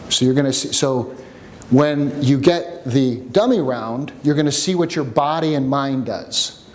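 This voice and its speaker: A man coaching a workshop group, teaching with jokes and a personal story in an animated way. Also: medium pitch, a little slow, slight background noise. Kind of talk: seminar teaching with stories. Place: room with a live audience.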